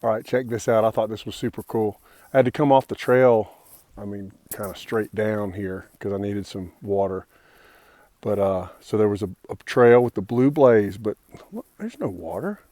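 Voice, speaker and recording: A man's voice: on the low side, normal speed, warm tone, no room sound, studio quality. A man vlogging casually outdoors on a mountain trail, friendly and rambling, with many fillers and restarts. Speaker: hiker vlogging his trail days.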